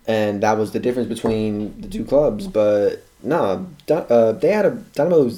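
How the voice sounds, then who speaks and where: Relaxed man co-hosting a chat. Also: on the low side, moderate pace. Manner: relaxed, repeats phrases for emphasis. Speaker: podcast co-host. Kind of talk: casual podcast chat.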